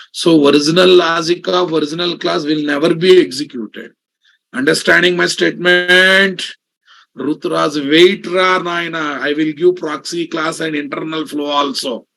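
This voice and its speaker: A man's voice: a little high, fairly even intonation, moderate pace, creaky, fairly bright tone. A man with a Telugu Indian accent teaching a live online programming lesson, emphatic, repeating his sentences and checking that students understand.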